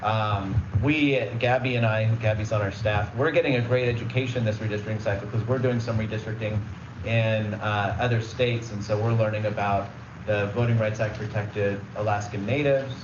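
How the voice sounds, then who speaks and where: A man's voice: lowish voice, fairly even intonation, normal speed, roomy sound, recorded from a distance, muffled recording, noisy background. A man giving a conversational presentation at a public meeting, explaining rules with everyday examples and plenty of fillers. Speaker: redistricting consultant presenting.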